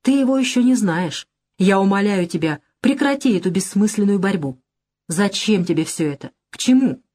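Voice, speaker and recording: A woman reading an audiobook, voicing an anxious young woman who pleads for a quiet life in an emotional way. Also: medium pitch, lively intonation, normal speed, lightly acted. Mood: pleading.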